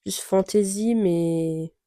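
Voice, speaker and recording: A young woman talks casually to camera as a book vlogger, chatty and rambling, with fillers and little laughs. Her voice sits mid-pitch with a mellow, relaxed tone. The recording is dry and close. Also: slow, dry recording.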